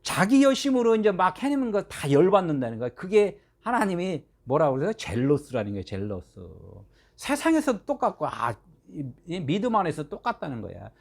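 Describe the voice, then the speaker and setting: A male pastor delivering a conversational sermon, full of rhetorical questions and swinging between loud stresses and soft asides. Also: high-pitched, wildly swooping pitch, fairly quick.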